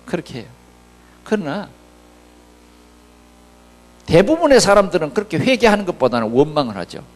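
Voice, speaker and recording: A man's voice: high-pitched, very animated, normal speed, in a large hall. A male pastor delivering a conversational sermon full of rhetorical questions to his congregation. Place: church sanctuary.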